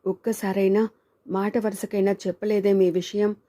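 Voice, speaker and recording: A woman's voice: mid-range voice, flat delivery, moderate pace, dark tone, natural voice. A woman voicing a caring, tearful woman friend in a storybook reading, pleading with her.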